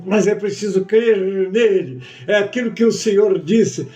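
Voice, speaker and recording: High-voiced pastor telling a testimony. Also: male voice, measured pace, mellow, faint music behind. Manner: storytelling, acting out dialogue. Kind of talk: sermon testimony. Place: church.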